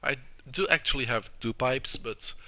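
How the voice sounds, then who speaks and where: Stuffy-nosed man with a very sharp, bright voice. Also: medium pitch. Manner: halting, hesitant delivery crowded with uhs. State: nose plugged with tissue from a nosebleed, stuffy nasal sound. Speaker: gameplay video host. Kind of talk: casual video game walkthrough commentary.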